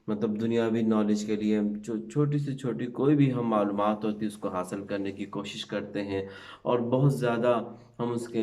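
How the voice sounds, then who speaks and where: A male Quran teacher giving a spoken lesson, reciting the Arabic letters slowly and drawn out, with English words mixed into his Urdu. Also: on the low side, dark tone, distant mic.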